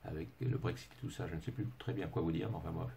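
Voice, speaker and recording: Talking fast in a low, gravelly, mellow voice, this middle-aged consultant from England delivers a French-language webinar with an English accent; French isn't his first language. His speech is halting, full of filler sounds and restarts, with wry self-deprecating humor, and a little hiss or hum runs underneath.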